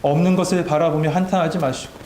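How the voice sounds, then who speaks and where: A male pastor delivers a sermon in a somewhat high voice and builds to emphatic, exhorting peaks. His words echo around a church sanctuary with a faint hum underneath. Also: fairly even intonation, fast, a little mellow.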